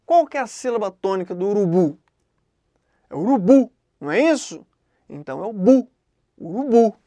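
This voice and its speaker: A woman teaching an exam-prep grammar lesson in a conversational way, often checking in with quick questions. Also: medium pitch, very animated, dark tone, no echo.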